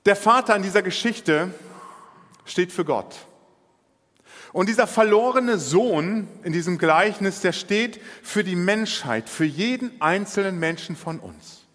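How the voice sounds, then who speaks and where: A man's voice: high voice, animated, measured pace, fairly bright tone, big-room sound. A man preaching a sermon, retelling a parable in vivid, dramatic storytelling.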